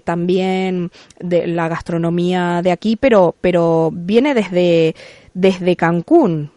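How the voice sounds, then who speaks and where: A woman's voice: medium pitch, darkish tone, dry recording. A woman hosting a radio interview, asking friendly, leading questions. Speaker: radio host.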